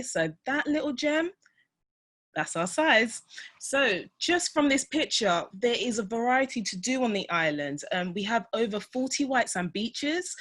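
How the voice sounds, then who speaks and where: A woman's voice: mid-range voice, fairly bright tone. A woman from the UK, a tourism trade manager, presenting in a conversational manner with asides and fillers. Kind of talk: guest presentation.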